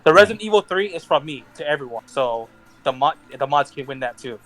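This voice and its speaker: A young man hosting a casual group podcast, rambling through heartfelt shout-outs with restarts and laughs. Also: on the high side, lively intonation, brisk, over music. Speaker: podcast host.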